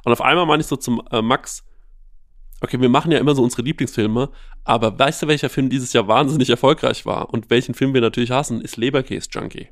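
A man, a guest who hosts a film podcast, talking casually and telling animated stories with many fillers. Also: mid-range voice, quick pace, no echo, studio quality. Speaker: podcast host, guest here. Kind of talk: casual interview chat.

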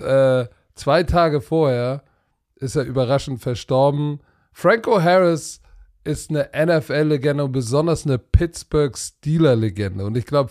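A man's voice: fairly high pitch, darkish tone. Casual male podcast host.

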